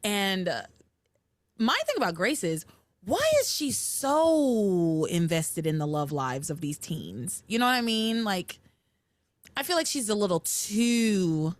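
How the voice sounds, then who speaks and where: A woman's voice: mid-range voice, no echo. A woman hosting a podcast, giving casual, emphatic recap commentary. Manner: animated, emphatic. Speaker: podcast host.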